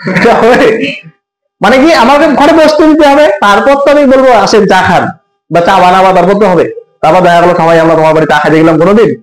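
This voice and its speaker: High-voiced male teacher. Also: racing, echoey room, poor audio. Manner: colloquial, asks students questions often. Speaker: computer teacher. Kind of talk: classroom lesson with everyday examples.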